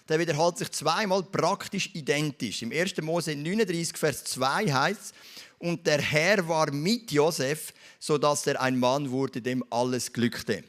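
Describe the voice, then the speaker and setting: A man with a Swiss German accent preaching a sermon. He retells a Bible story and puts questions straight to his listeners. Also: mid-range voice.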